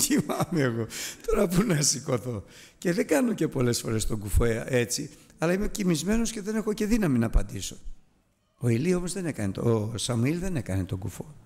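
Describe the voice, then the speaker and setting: Animated, high-voiced male Bible preacher. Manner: animated, fires rhetorical questions at listeners; self-mocking asides. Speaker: Bible teacher.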